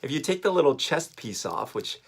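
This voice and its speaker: A man's voice: a little high, very animated, brisk, gravelly, fairly bright tone, breathy edge. Chatty self-mocking man from Colombia. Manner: chatty, self-mocking, laughs often while talking. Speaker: vlogger. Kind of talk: casual storytelling to camera.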